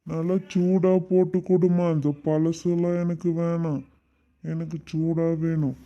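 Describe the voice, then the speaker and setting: A stingy old grandpa in a cartoon, put on by a woman, gruff and bossy, with a southern Tamil Nadu accent. He speaks slowly, and the sound is dull and lo-fi. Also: mid-range voice, little pitch movement, mellow, voice pushed down, close to an everyday voice. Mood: grumbling.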